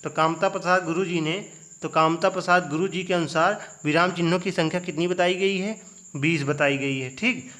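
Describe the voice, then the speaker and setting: Here a young man with a slightly high, somewhat bright voice leads an exam revision lecture. He quizzes his students with rhetorical questions, then supplies the answers on his own.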